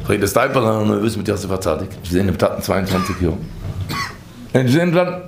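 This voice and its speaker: A man telling stories from religious teachings in an informal, animated way, his voice leaping high and then dropping low. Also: fast, gravelly, noisy background. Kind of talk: informal storytelling talk. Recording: echoey room.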